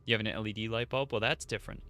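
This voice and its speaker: A man's voice: lowish voice, steady tone, very fast, bright, forceful tone. A man streaming a game, rambling playfully as he plays and answers chat. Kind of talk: casual gameplay commentary.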